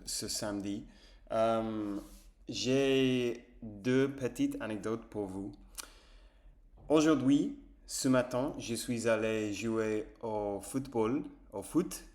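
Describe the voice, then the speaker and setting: A man's voice: medium pitch, darkish tone. A man with an English accent, a native English speaker practising French as a vlogger, talking casually and hesitantly with many fillers and self-corrections as he searches for words. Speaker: language-learning vlogger.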